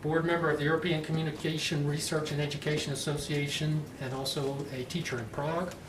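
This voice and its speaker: A man's voice: a little high, little pitch movement. American man moderating, echoey room. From United States. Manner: slow, clearly enunciated, deliberate delivery. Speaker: panel moderator. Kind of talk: introducing a public panel discussion. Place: conference panel room, indoors. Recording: echoey, noisy room, distant mic.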